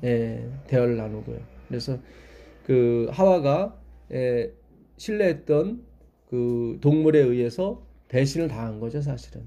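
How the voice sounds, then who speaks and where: Bright-voiced man teaching a Bible study. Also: medium pitch, animated, a little slow. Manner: explains patiently, asks listeners questions.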